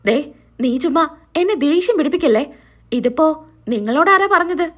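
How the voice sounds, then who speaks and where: A woman's voice: sits high, lively intonation, normal speed, fairly bright tone. A woman reading as an angry scolding husband. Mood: indignant. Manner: scolding, indignant. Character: angry middle-aged husband, stern and scolding.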